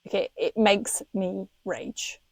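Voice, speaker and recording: On a podcast she co-hosts, this woman sounds impassioned and indignant, breaking into laughter frequently. She talks slowly in a creaky, mid-range voice with fairly even intonation, and the recording is dry.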